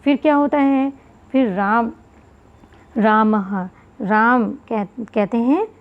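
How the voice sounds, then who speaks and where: A woman's voice: fairly high pitch, slow. Woman teacher explaining Sanskrit, tinny audio. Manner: explains word by word, repeats terms. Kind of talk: explaining a textbook lesson.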